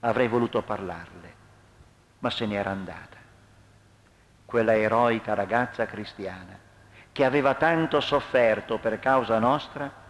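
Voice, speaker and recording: A man narrating a true testimony as an expressive dramatic reading. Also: on the low side. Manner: expressive, acts out quoted lines.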